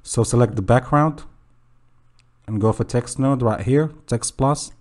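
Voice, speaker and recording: A young man hosting a software screen tutorial in a casual voice-over, often pausing with "okay" and correcting himself. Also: medium pitch. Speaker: tutorial host.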